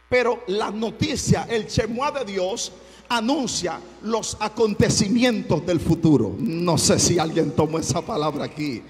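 Pastor guy preaching loud n fervent, really high voice, long church reverb. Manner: fervent preaching, bursts into shouting, repeats phrases. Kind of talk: sermon.

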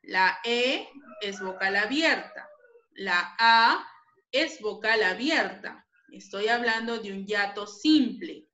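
A woman's voice: mid-range voice, lively intonation, slow pace, pushed and bright. A woman teaching a grammar lesson to pupils, patient and repeating each point. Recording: echoey room.

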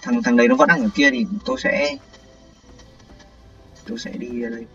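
A man giving excited, panicky commentary on a game livestream, often repeating words when startled. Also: mid-range voice, brisk, far from the mic. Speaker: gaming livestreamer. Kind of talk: live gameplay commentary. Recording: dull lo-fi sound with faint game music.

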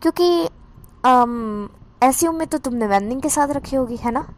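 A woman voicing a confident, protective young man who teases and questions gently. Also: high-pitched, animated, normal speed. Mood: teasing.

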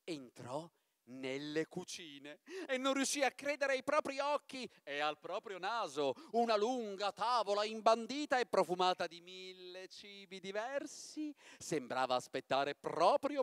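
An actor reading a fairy tale aloud in a church, dramatic and expressive. His voice sits high and moves in wide, lively swings. The sound is dry and close. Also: clear, resonant tone, no room sound.

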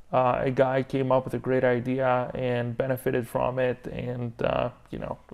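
A man's voice: medium pitch, vocal fry, a little mellow. A man in his thirties from Greece, co-hosting a podcast debate, hesitant and probing with many fillers, on a lapel mic in a studio lounge. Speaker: podcast co-host. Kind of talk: casual debate chat. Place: studio lounge set with armchairs.

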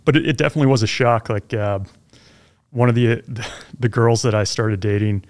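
A man in his forties, a podcast guest, telling stories in an upbeat, chatty way into a studio boom mic. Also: a little fast, clean tone. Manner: chatty storyteller, upbeat, laughs easily. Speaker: guest, former helicopter pilot. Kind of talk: casual interview. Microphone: studio mic on boom arm, headphones.

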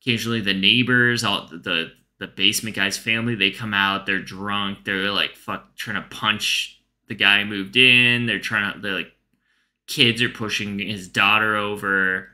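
A man telling a comedic story in a casual, rambling way, full of fillers and swearing, delivered deadpan. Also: on the low side, normal speed.

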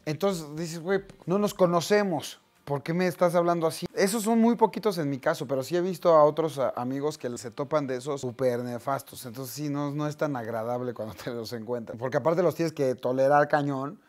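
A man in his thirties with a Mexican accent, casually telling anecdotes to camera in a slangy, lively way. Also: medium pitch, fairly quick, hardly any pauses. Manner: chatty, slangy, acts out quoted voices. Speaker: vlogger.

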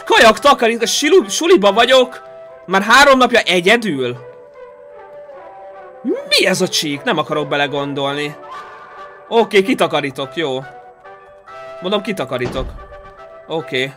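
A man streaming a game live, chatting excitably with his viewers, reacting aloud and thanking supporters. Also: high voice, pauses often, faint music behind.

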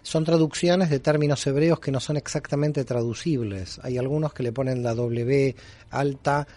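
Mellow-voiced man explaining patiently. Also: mid-range voice, fairly even intonation, moderate pace. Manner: explanatory, formal, with frequent fillers. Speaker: guest scholar. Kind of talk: explanatory interview answers.

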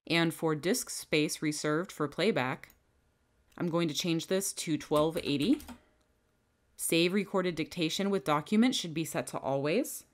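As the trainer in a scripted software tutorial, a woman with a somewhat low voice provides voice-over for a screen recording. At a measured pace, she calmly and methodically goes through each setting, one click at a time.

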